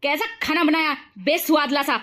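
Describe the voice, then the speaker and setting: A woman's voice: sits high, normal speed, pushed and bright, a little hiss or hum. A woman voicing a harsh older mother-in-law in a cartoon story, scolding and taunting. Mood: scornful.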